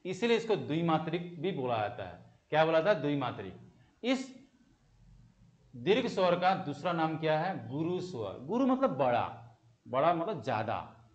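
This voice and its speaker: A man's voice: high-pitched, fairly bright tone. A young man teaching an exam-prep Hindi grammar lesson. He asks the class questions, answers them himself and repeats the key terms.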